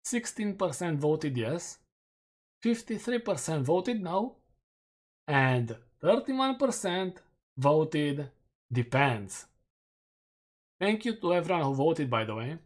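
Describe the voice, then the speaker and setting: Speaking slowly and pausing often, this man has a higher, sing-song voice and a Romanian accent. As a streamer, he reads through community polls in casual chat, joking at his own expense.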